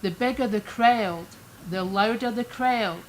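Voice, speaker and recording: A woman's voice: mid-range voice, a little slow, slight background noise, poor audio. An older woman from Scotland with a Scottish accent, speaking in a chatty, homely way during public comment at a town council meeting. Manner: chatty, homely, lightly self-deprecating. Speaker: resident giving public comment.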